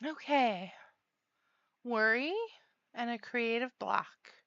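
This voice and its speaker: A woman's voice: on the high side, takes it slowly, vocal fry, fairly bright tone, no echo, dull audio. Chatty woman giving a tarot reading. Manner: chatty, rambling, laughs often. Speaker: tarot reader.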